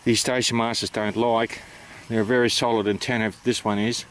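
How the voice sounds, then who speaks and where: An Australian man talks through practical details in a low voice with very little melody. He is unscripted and hesitant, explaining things in a plain, matter-of-fact way. There is some noise behind him. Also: little pitch movement, brisk, a bit bright. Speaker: amateur radio operator presenting. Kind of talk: informal explanatory vlog.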